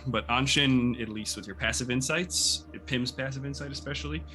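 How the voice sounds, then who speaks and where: A man's voice: medium pitch, normal speed, pushed and bright, soft background music. A man acting as game master, improvising narration and rulings for a tabletop role-playing game.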